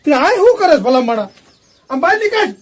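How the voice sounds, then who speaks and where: A pushy village schemer who rattles his plans off quickly, as a man acts him. His voice is very high and sounds far from the mic, with faint noise behind it. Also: very animated. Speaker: actor in a village comedy skit. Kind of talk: amateur comedy film acting.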